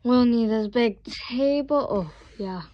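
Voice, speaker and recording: A woman chatting casually as she sets up a dollhouse, with excited little exclamations. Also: a little high, slow pace. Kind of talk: casual toy play commentary. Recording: dull lo-fi sound with clear background noise.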